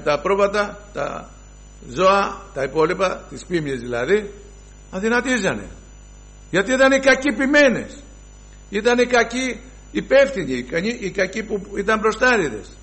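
A man preaching a sermon to his brothers, emphatic, swinging from loud exclamations to hushed asides and reciting scripture in formal archaic wording. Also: mid-range voice. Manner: addresses the listeners as brothers.

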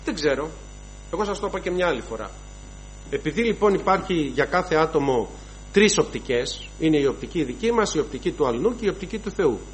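High-pitched guy preaching a sermon, punchy repeated lists, calls everyone brothers, light hum behind. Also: expressive, rough recording. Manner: emphatic, lists sins in rhythmic runs, addresses congregation as brothers.

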